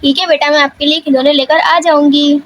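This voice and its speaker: A woman's voice: high-pitched, level tone, fairly quick, highs cut off, slight background noise, natural voice. A woman voicing a stern mother who scolds her daughter.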